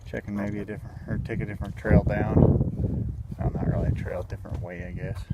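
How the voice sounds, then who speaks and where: A man vlogging while hiking outdoors, talking in a halting way with many pauses into a handheld camera microphone. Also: on the low side, fairly even intonation, muffled recording. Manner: halting, many uhs, soft-spoken. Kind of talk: casual hiking narration. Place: outdoors on a windy mountain ridge. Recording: loud wind noise on camera mic.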